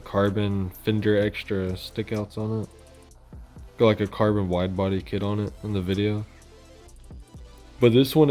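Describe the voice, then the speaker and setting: Music plays beneath gameplay footage as the channel's host, a man with a low-leaning, darkish voice, chats casually and rambles his way through the latest gaming news.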